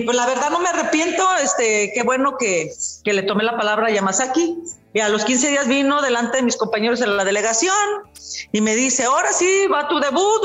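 A middle-aged woman with a Mexican Spanish accent, a guest telling her story in a casual interview, lively and boastful, acting out what others said. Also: on the high side, echoey room. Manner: lively, boastful storyteller who acts out quoted dialogue.

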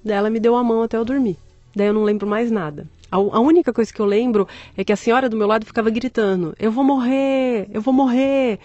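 A woman's voice: medium pitch, fast, no room sound, muffled recording, faint music behind. A woman, telling her story as an interview guest, candid and joking, acting out the voices of people she quotes. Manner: candid, animated, joking, acts out quoted speech. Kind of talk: conversational storytelling.

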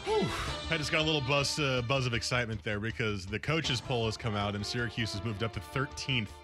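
A man's voice: mid-range voice, brisk, over music. A man hosting a sports radio show, bantering and teasing his co-host in a playful way. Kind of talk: casual sports radio talk. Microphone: studio mic.

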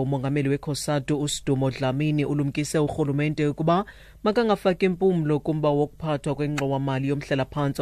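A man's voice: on the high side, a little mellow, dry recording. A South African man reading a scripted radio news bulletin. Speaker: news reader. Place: dry studio.

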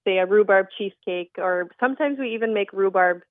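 A woman's voice: mid-range voice, fairly quick, dry recording. A young woman from the Netherlands, a creamery owner, explaining her work as a guest on a radio phone interview, with frequent ums. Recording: tinny phone line.

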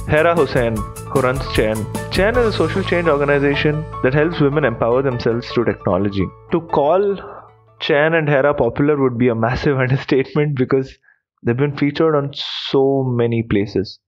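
Male podcast host, mid-range pitch, upbeat and welcoming, scripted opener, faint music underneath. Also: normal speed. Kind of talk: scripted podcast intro and interview.

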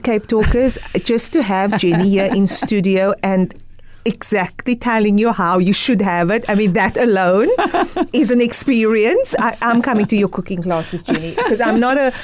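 A woman hosting a live radio show in a studio, chatty and excitable, laughing often. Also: medium pitch, moderate pace. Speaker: radio talk show host.

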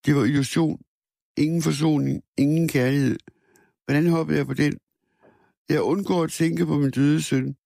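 A man reading a first-person literary story aloud in a measured, somber way, with a few small restarts. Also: a little high, steady tone, vocal fry, dark tone, no echo, studio quality. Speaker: narrator.

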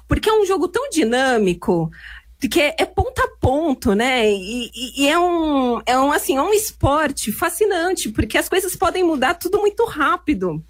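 Animated woman telling stories. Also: high voice, no echo. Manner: animated, laughs often while telling stories. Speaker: interview guest. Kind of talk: casual storytelling interview.

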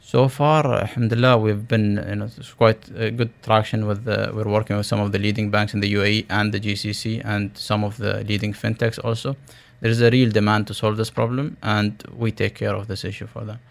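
A man with a low, gravelly voice speaks as a startup founder in a radio interview. His delivery is flat in pitch and full of tech-business jargon, with halting restarts as he pitches.

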